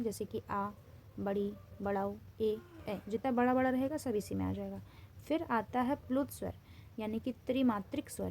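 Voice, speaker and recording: Indian-accented woman teacher, mellow voice, self-quizzing lesson delivery, faint background hiss. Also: medium pitch, creaky. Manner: asks a question then answers it herself, repeats key terms. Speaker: Hindi grammar teacher. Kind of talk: classroom lesson, asking and answering quiz questions.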